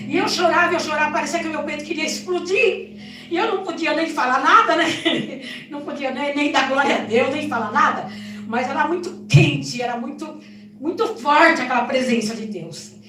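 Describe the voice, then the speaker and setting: A high-pitched woman gives an emotional church testimony, telling it in an animated way and often checking in with her listeners. Her voice rings through a roomy sanctuary and sounds a little far from the mic, with faint music underneath. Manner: animated storytelling with frequent tag questions. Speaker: church member giving testimony. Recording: echoey church hall, distant mic, soft music.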